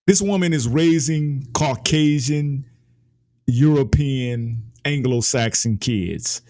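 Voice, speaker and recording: A man's voice: slow, dark tone. Guy ranting about politics, fired up, emphatic, voice keeps climbing. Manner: impassioned, emphatic, rises in pitch when ranting. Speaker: political commentator. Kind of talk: heated political talk.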